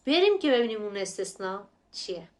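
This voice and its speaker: Woman slowly drilling language lessons. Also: medium pitch, sing-song. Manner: slow, repetitive, drills words and pronunciation. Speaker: language teacher. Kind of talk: explanatory lesson narration.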